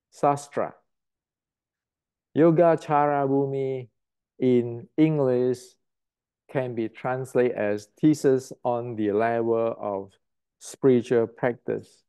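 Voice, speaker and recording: With a smooth, mellow, mid-range voice, an older man from Indonesia lectures the camera on martial arts in a blunt, emphatic way. He tends to repeat words while searching for them.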